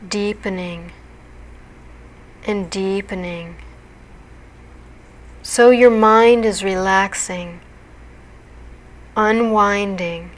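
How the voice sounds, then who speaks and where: A woman leads a guided hypnosis session as a hypnotherapist would. Her delivery is very slow and deliberate, with a soothing, measured manner. Her voice sits at an average pitch for a woman. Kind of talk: guided hypnosis relaxation narration.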